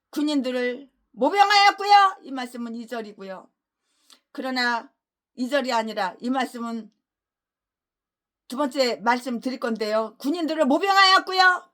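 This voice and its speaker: High, bright-voiced woman pastor ranting. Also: normal speed, pauses often. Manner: abusive, swings between shouting and muttering. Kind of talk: expository sermon with angry tirades.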